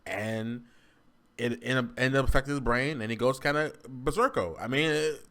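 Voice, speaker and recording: A man's voice: mid-range voice, normal speed. A man in casual game-review banter, incredulous and stammering as he argues back. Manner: animated, incredulous, stammering restarts.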